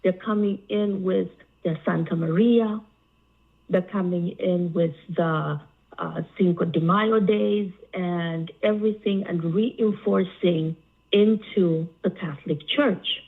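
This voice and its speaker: A woman from Zambia calling in to a talk show, speaking earnestly with many pauses and fillers. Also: lowish voice. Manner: slow, earnest, halting with fillers. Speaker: caller. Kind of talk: call-in talk. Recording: phone line.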